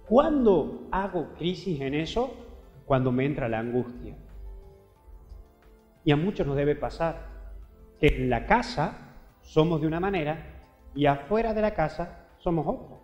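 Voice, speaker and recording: Paraguayan priest preaching, high voice, chatty and animated, echoey hall. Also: male voice, dull audio. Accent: Paraguayan Spanish. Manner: animated, acts out quoted dialogue; colloquial, addresses listener directly. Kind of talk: homily reflection. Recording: roomy hall reverb, faint music.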